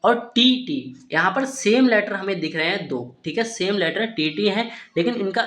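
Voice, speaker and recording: Speaking at normal speed, a man whose voice sits high and a bit bright teaches English reading to Hindi speakers with animated energy. He spells words letter by letter, poses and answers questions himself, and repeatedly says "ठीक है", with a roomy echo around him.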